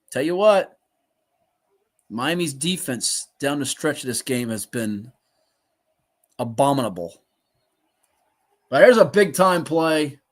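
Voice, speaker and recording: A man hosting a live sports talk show, calling plays and teasing his co-host, bursting into shouts and laughter. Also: mid-range voice. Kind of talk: live game-watch commentary chat.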